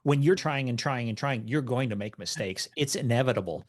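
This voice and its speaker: A man's voice: mid-range voice, brisk. A man hosting a podcast interview, agreeable and upbeat, with a joking manner. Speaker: podcast host. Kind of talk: conversational interview.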